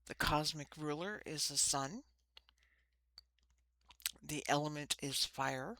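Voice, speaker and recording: A woman with a lisp and slushy s sounds, giving an informal spiritual talk to camera in short, halting phrases. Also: deep voice, pushed and bright, no echo. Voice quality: lisping, slushy sibilants from ill-fitting dentures. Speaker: host of a spiritual card-reading channel. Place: small room.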